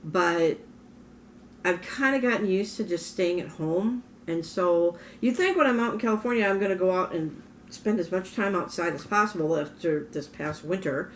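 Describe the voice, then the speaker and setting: A woman's voice: lowish voice, animated, normal speed, a little hiss or hum. A woman from Minnesota vlogging in a casual, rambling way, often correcting herself, with a morning voice. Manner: rambling, self-correcting storyteller. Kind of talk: casual talking-head vlog.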